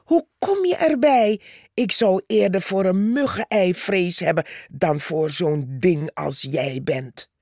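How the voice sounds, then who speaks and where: A woman's voice: lowish voice, animated, slow, a little mellow, no room sound, studio quality, exaggerated voice. A woman voicing a haughty, boastful male tree who talks down to others, in a storybook reading. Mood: scornful. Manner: condescending, scornful.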